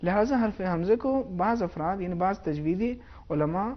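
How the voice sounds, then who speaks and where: Measured male tajweed teacher, lo-fi. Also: sits high, expressive. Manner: measured, slows down to demonstrate recitation. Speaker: Quran recitation teacher. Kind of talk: explaining tajweed rules.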